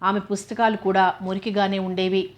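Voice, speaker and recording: A woman narrating a novel in a steady, even storytelling manner. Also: mid-range voice, a little fast.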